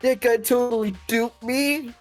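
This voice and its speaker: A woman's voice: on the high side, steady tone, unhurried, soft background music, lightly acted. A woman voicing a young male stoner surfer dude in a video game, drawling and full of bro and dude. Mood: rambling.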